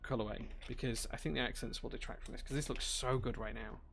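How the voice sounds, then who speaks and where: Gravelly man chatting on a live stream. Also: mid-range voice, fairly even intonation, fast, a bit bright, soft background music. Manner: chatty, reads chat aloud and thanks viewers. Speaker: livestream host building keyboards. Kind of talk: casual live-stream chat.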